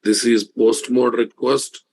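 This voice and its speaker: A male programming instructor speaks with a Telugu Indian accent at a slow, deliberate pace. His pitch sits in an average range for a man. He delivers a live online lecture, restating points with emphasis and often asking listeners to confirm. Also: fairly even intonation, gravelly, a little mellow. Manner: repetitive, emphatic, with rhetorical check-in questions.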